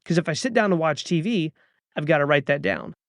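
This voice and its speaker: Gravelly, earnest man in his thirties. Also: on the high side, expressive, fairly quick, no room sound, studio quality. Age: 30s. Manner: earnest, urging, repetitive exhortations. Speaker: podcast host. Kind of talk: motivational podcast monologue.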